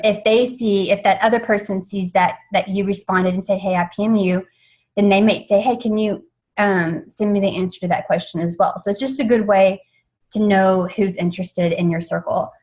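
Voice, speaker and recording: A woman's voice: medium pitch, low-quality recording. A young woman leading an informal team training in an eager, chatty way, with lots of fillers and restarts. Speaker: network marketing team trainer.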